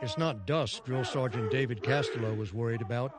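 A man's voice: mid-range voice, brisk, a loud crowd, very noisy. A man with an American accent reading scripted narration for a broadcast news report. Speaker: news correspondent.

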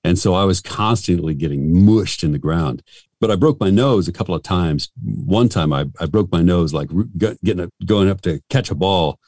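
Deep-voiced man telling rambling stories. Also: moderate pace, a little mellow, no echo. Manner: rambling, full of fillers and restarts. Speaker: radio host and voice actor, interview guest. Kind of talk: casual storytelling in an interview.

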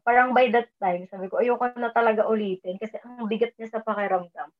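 A fast-talking woman with a voice on the high side and fairly even intonation chats casually about her dream experience. She mixes English in, gets louder whenever she quotes herself, and the line sounds tinny like a phone.

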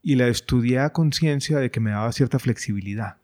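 A middle-aged man, a guest in an interview, speaking in a thoughtful, measured way with frequent hesitations. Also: medium pitch, a little mellow. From Colombia. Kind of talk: reflective conversation.

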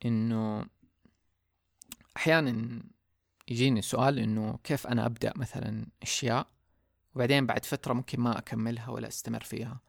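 Fast-talking gravelly man. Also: medium pitch, steady tone, no room sound, clean studio sound. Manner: reflective, casual, mixes in English words. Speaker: podcast host. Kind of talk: solo podcast talk.

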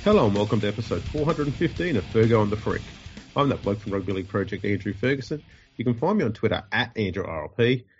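A man's voice: fairly low pitch, lively intonation, fast, a little mellow, slightly rough, lo-fi sound, faint music behind. A man with an Australian accent and a nasal, stuffed-up voice from a runny nose, hosting a podcast in casual, dryly joking banter. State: getting over covid with a runny nose. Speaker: podcast host.

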